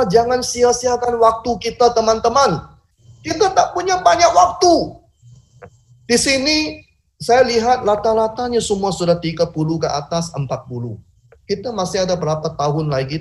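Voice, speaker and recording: A man from Indonesia delivers a rousing sales pitch over a video call. His voice sits a little on the high side and he speaks with fiery emphasis, swinging sharply in pitch and loudness. He drops English catchphrases into the flow. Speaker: business opportunity presenter.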